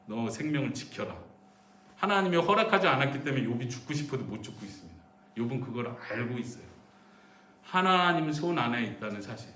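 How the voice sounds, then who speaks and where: A man's voice: mid-range voice, a bit bright. A male missionary preacher giving an emphatic sermon at a midweek church service, questioning the congregation directly. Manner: dramatizes pleading prayers in a raised voice. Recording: echoey church room, voice from a distance.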